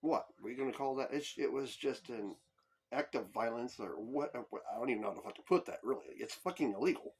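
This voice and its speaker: Husky guy ranting about politics on his podcast, cussing a lot, plain middle voice. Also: medium pitch, brisk. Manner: heated, profane ranting. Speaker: podcast host. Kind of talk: political commentary monologue.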